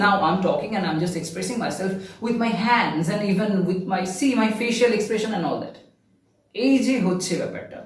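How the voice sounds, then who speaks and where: A man with a Bengali accent teaching a spoken English lesson, saying key English phrases slowly and with stress between quicker explanations. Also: high-pitched, a little mellow, far from the mic. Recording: very echoey room, voice set back from the mic.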